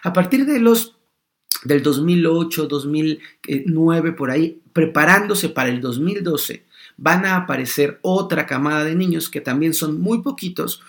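Man, podcast host, raspy fry in the voice, lively explaining. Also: a little high, measured pace. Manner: animated, acts out little dialogues.

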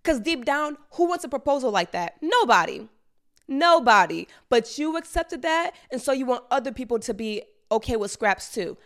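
A woman's voice: sits high, lively intonation, a little fast, few pauses. A woman giving an opinionated monologue, emphatic and repeating lines for emphasis, in casual slang, speaking with a retainer in. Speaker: commentator.

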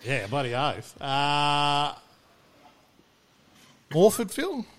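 A man's voice: on the high side, big pitch swings, drawn-out words, a bit bright. An Australian man hosting a racing podcast with casual banter, talking in a blokey, slangy, sweary way. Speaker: podcast host.

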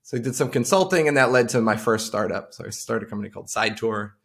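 This middle-aged podcast guest, a tech entrepreneur from Long Island, talks quickly in a lowish, fairly bright voice with vocal fry. He tells casual, story-driven anecdotes during a relaxed interview.

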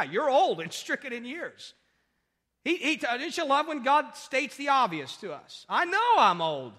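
A man's voice: very high-pitched, pushed and bright, in a large hall. A male pastor preaching a sermon emphatically, firing off rhetorical questions and repeating his points.

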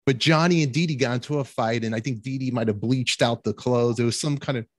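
A man, a musician, chatting earnestly about a late bandmate, halting and restarting his sentences. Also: medium pitch. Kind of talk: casual chat.

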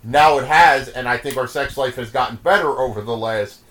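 A man talking as a guest on his wife's podcast, thoughtful and halting, with many restarts. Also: mid-range voice, fairly bright tone. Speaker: guest, host's husband. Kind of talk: casual chat.

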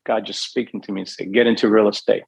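A man's voice: lowish voice, fairly even intonation, quick pace, gravelly, husky, no echo, rough recording. A middle-aged man from New York, a real estate investor and guest, telling his life story earnestly and acting out the voices in his head. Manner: earnest, acts out his own inner voice. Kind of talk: emotional storytelling.

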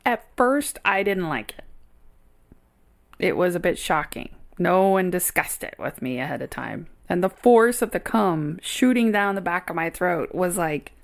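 Rich: A woman co-hosting a podcast in loose, frank conversation. Her pitch swings widely as she talks, and laughter comes easily. Her delivery is open and animated. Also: a little slow, vocal fry. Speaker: podcast co-host. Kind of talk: frank casual chat.

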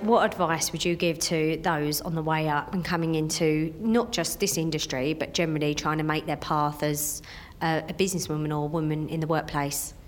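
Lowish-voiced woman hosting an interview. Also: steady tone, fairly quick, hardly any pauses, soft background music. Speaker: interviewer, host. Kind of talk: conversational interview questions.

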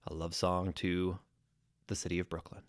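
A man with a low voice co-hosts a podcast, sounding a bit congested and nasal. He talks in a relaxed, chatty way and laughs easily. The sound is dry and close, with no room echo. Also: moderate pace. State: congested from allergies. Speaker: podcast co-host. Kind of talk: casual chat.

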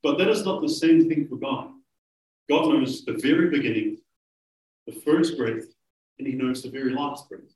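A man preaching a sermon, earnest and emphatic, slowing down to stress key phrases. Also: mid-range voice, a little mellow. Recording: roomy, from a distance.

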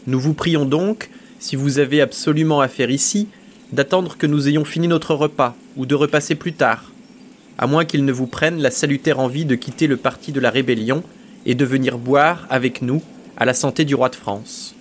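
A courteous, unflappable musketeer with an easy, mocking politeness, voiced by a man reading a novel aloud. The voice sits a little higher and louder than plain narration. He sounds calm and amused, even under fire. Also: moderate pace, a little hiss or hum, close to an everyday voice. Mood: nonchalant.

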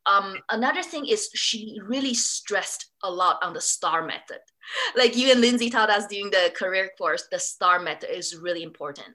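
A woman's voice: medium pitch, pushed and bright. A woman from Singapore speaking in a casual interview, chatty with many fillers and restarts. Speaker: interviewee, former student.

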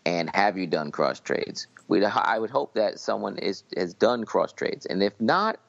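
A tired man co-hosting a podcast, rambling and halting through a casual late-night chat. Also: on the low side, lively intonation, vocal fry, dry recording. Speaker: podcast co-host. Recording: dull dry audio.

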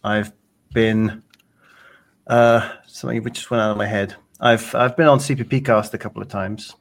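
A middle-aged man speaks as an interview guest in a casual, conversational style. His voice sits a little on the low side. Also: steady tone, moderate pace, vocal fry. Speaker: podcast guest, programmer and conference speaker.

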